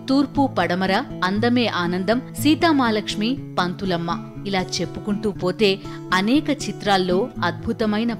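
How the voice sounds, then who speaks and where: Woman narrating over loud music. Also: mid-range voice. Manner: measured, formal storytelling delivery. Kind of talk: scripted documentary narration.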